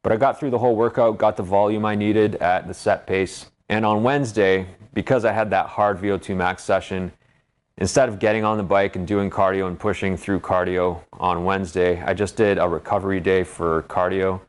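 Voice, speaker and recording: Guy with a pretty deep voice doing a training vlog, explaining stuff as he goes. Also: fairly even intonation, normal speed. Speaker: vlogger documenting 10k race training.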